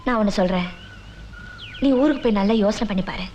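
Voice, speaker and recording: An actress playing a calm, moralizing older village woman in a Tamil film, speaking in a steady, lecturing tone with a Tamil accent. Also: medium pitch, a little fast, highs cut off, a little hiss or hum, natural voice. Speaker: older female relative giving advice. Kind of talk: Tamil film drama acting. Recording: film soundtrack with soft music.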